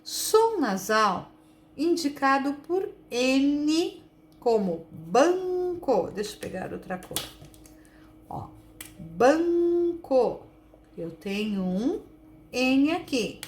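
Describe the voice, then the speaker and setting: A woman teacher with a Brazilian Portuguese accent, slowly and patiently sounding out words for young children in a recorded lesson. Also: sits high, sing-song, slight background noise. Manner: slow, patient, sounds out words and stretches syllables. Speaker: primary school teacher.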